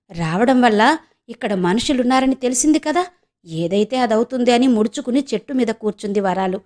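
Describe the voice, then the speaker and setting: A woman from India narrating a novel in a steady, measured audiobook style. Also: on the high side.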